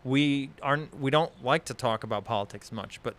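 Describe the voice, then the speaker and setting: A man's voice: mid-range voice, moderate pace, fairly bright tone. A man who hosts a podcast, talking in a casual discussion stream, heated and exasperated, swearing often and rambling with many restarts. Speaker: podcast host.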